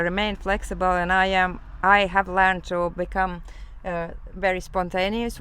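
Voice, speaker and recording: A woman's voice: fairly low pitch, fairly bright tone, a little hiss or hum. A woman from Latvia talking casually to the camera outdoors by her van, rambling with many fillers and restarts. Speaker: vlogger.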